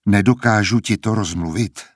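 A man's voice: on the low side, breathy edge, dry recording, studio quality. A man voicing a cautious young man who keeps questioning a risky plan, in a storybook reading. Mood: doubtful. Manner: skeptical, questioning.

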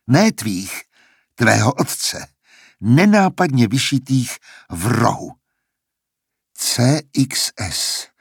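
A man reading an audiobook as narrator in a calm, steady storytelling manner. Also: on the low side, slightly rough, no room sound, clean studio sound. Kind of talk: scripted narration.

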